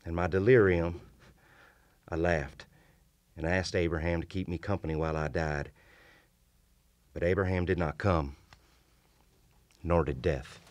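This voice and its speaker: In this dramatic old-time radio play, a middle-aged actor voices a haunted Confederate lieutenant who brooding and grave, formally and deliberately recounts a horror set down in his journal. His low voice keeps a fairly even intonation, captured close on a vintage-style microphone in a small studio with no room sound, music playing underneath.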